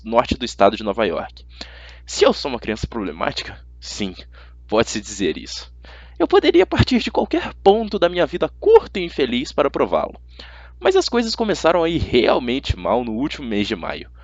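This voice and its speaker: Here a man with a Brazilian accent gives an amateur reading of a first-person fantasy novel for young readers, storytelling in a lively, conversational manner. His voice sits in the mid range, and the sound is dull but free of echo.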